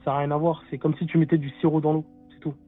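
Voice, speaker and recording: A man with a fairly high voice explains casually as a caller. He is halting and repeats himself, on dull lo-fi audio with faint music behind. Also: flat delivery. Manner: halting, repetitive, informal. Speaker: caller, water technician.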